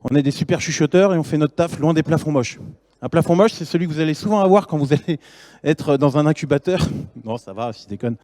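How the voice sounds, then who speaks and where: A man's voice: fairly high pitch, fairly quick, mellow, no room sound. A man in his thirties, a startup founder giving a casual, slangy conference talk full of fillers and enthusiasm.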